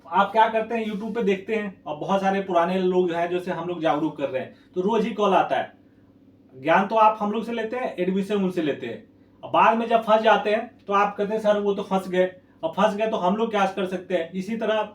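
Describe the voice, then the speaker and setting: A man working as an education consultant speaks to camera. He sounds blunt and scolding, warns viewers and keeps repeating a checking phrase. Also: high voice. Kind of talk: warning talk to camera. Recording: echoey room, distant mic.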